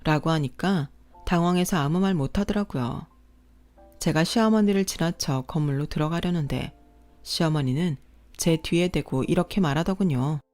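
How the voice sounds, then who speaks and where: A woman narrating a first-person family drama story in a steady, confiding way. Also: low voice, normal speed, faint music behind.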